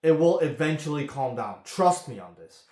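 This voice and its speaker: A man's voice: on the high side, expressive, darkish tone, echoey room. A man speaking as a relationship coach in an earnest coaching monologue, often checking in with "okay?". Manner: slow, earnest, repeats "okay?".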